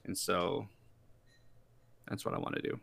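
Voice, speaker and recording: A young man co-hosting a podcast, talking in a relaxed, rambling way with plenty of fillers. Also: measured pace. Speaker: podcast co-host. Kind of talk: casual chat.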